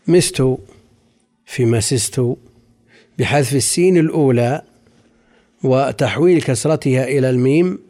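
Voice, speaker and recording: Mellow-voiced man giving a scholarly lecture. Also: mid-range voice. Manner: measured, dwells on word forms and quotes. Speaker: scholar explaining hadith.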